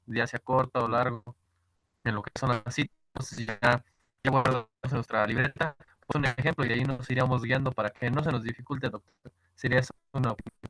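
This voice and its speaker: A man's voice: medium pitch, fairly even intonation, brisk, fairly bright tone, no room sound, rough recording. A man, a graduate student asking hesitantly during an online class. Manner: hesitant, full of fillers. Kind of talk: classroom question on a video call. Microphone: video call.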